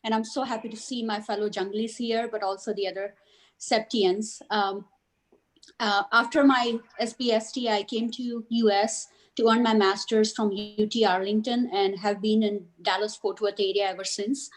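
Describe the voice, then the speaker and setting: Woman from India, medium pitch, introducing herself to a group over a video call. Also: fairly even intonation, moderate pace, rough recording. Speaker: call participant.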